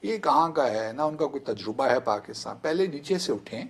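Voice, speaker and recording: Husky guy on a tv panel, talks slow and careful, lots of uhs. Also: mid-range voice, lively intonation. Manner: measured, explaining at length with hesitant fillers. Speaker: studio analyst guest. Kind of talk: talk show political discussion.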